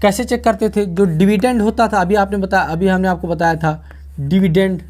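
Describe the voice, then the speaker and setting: High and slightly dark, his voice moves a little fast with fairly even intonation. He's a math tutor with a North Indian Hindi-speaking accent, lecturing, frequently answering his own questions and checking in with the class.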